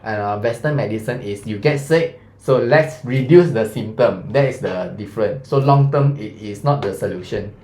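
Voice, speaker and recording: On the low side and a little mellow, this man's voice moves at a moderate pace in a reverberant room. He's a science teacher in his thirties with a Malaysian English accent, chatting through revision and quizzing students. "Lah" and "mah" pop up as fillers.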